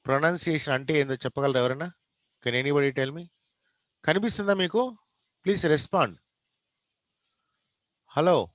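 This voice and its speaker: A man's voice: a little high, measured pace, long pauses, fairly bright tone, dry recording. A man with a Telugu accent lecturing an online class, mixing Telugu and English, questioning students and spelling words out letter by letter.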